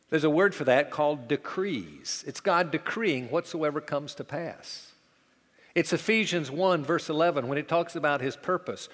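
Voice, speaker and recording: A male pastor preaching a sermon, dramatic in delivery, rising loud and falling to a hush. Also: a little high, big-room sound.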